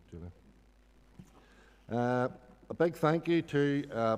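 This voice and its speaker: A middle-aged man with a Northern Irish accent makes informal church announcements into a gooseneck microphone at a lectern in an indoor church hall. His voice is medium-pitched and a little mellow, and the recording carries the hall's reverberation.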